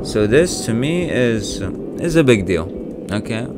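A young man giving casual let's-play commentary on a horror game, jumpy and swearing, his voice jumping high when scared. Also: big pitch swings, slow pace, over loud music. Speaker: gaming YouTuber.

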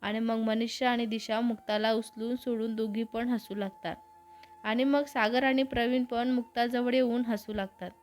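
A woman narrating a romantic story in a steady storytelling manner. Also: on the high side, normal speed, faint music behind.

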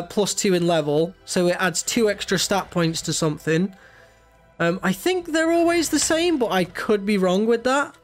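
A man's voice: high-pitched, smooth. A young man hosting a gaming video, giving casual gameplay commentary and thinking aloud with many restarts.

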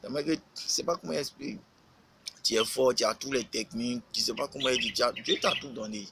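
A man's voice: mid-range voice, brisk, creaky, background noise. A man, a rapper talking casually on a live stream, lecturing and scolding with lots of repetition.

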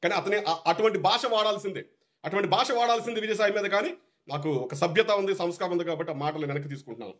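A man's voice: high-pitched, quick pace, fairly bright tone. A man with a Telugu accent, a political party supporter, giving a heated, repetitive, scolding rant.

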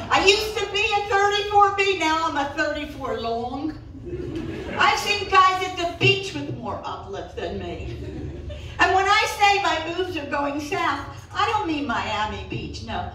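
This older comedian's act is raunchy and self-deprecating, her high-sitting voice landing punchy lines between drawn-out pauses. She performs live in a small indoor cat cafe room for an audience, using a handheld mic, but the camera recorded her from the audience at a distance, so the room is very echoey with some background noise.

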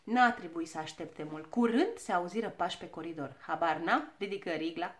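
A woman storyteller narrating a children's audiobook in an expressive, theatrical way. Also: lowish voice.

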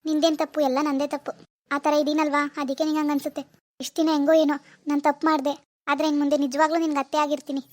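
In a homemade family drama skit, a woman plays a remorseful middle-aged mother-in-law earnestly and apologetically pleading for her daughter-in-law's forgiveness. Her natural voice is high with little pitch movement, she races along, and there's no room sound.

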